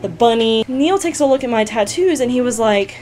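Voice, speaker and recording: Chatty excitable young woman vlogger. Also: on the high side, normal speed. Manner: chatty and excitable, heavy use of "like" and "you guys". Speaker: gaming YouTuber answering viewer questions. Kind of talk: casual storytelling to camera.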